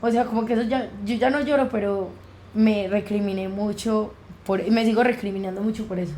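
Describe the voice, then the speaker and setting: A young Colombian woman with a mellow, warm voice speaks as a podcast guest. She tells a personal story in a relaxed conversational way and acts out the quoted lines. There is a faint hum of noise behind her. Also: medium pitch, a little fast. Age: young adult. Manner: vivid retelling that acts out quoted dialogue.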